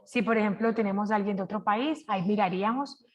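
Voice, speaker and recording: A Colombian woman with a mid-range voice and a Colombian Spanish accent teaches French in an online class while sharing her screen. She pronounces the French examples slowly and carefully, often checking in with "¿cierto?" to ask whether students are following.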